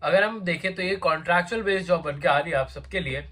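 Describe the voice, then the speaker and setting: A job vacancy channel host speaks quickly in a high-pitched, slightly bright voice, explaining openings in casual Hindi mixed with English. He has a sore throat and coughs now and then, chatting with viewers and leaning on repetitive fillers.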